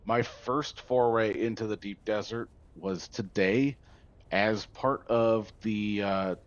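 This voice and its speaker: Male gaming streamer, low-pitched, chatty and sidetracked, slightly muffled lo-fi stream audio. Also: steady tone, slow. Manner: rambling, easily sidetracked, chatty with a viewer. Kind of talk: casual livestream chat.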